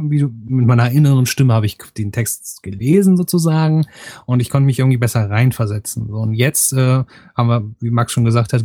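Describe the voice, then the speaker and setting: A man's voice: medium pitch, warm tone, dry recording, studio quality. A man co-hosting a casual gaming podcast, agreeable and hesitant, often restarting his sentences.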